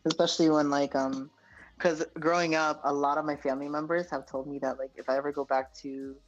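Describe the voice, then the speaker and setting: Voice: medium pitch, flat delivery, fairly quick, dull audio. A guest poet from the United States talking earnestly in a casual interview, with many fillers and restarts.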